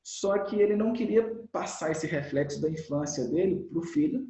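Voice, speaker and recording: Animated Brazilian man explaining, roomy sound. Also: on the high side, normal speed. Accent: Brazilian Portuguese. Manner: animated, acts out quoted parents and children. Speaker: children's educator, interview guest. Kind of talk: explanatory conversational talk.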